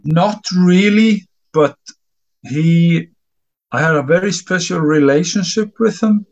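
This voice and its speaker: A middle-aged Icelandic discus coach, speaking slowly at a fairly high pitch, answers interview questions earnestly from home in non-native English. He often repeats words while gathering his thoughts, and the sound is lo-fi.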